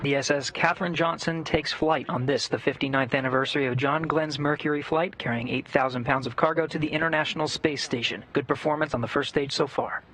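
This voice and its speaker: A man's voice: on the high side, steady tone, brisk, few pauses, fairly bright tone, low-quality recording. A man giving polished, explanatory live commentary for a launch broadcast.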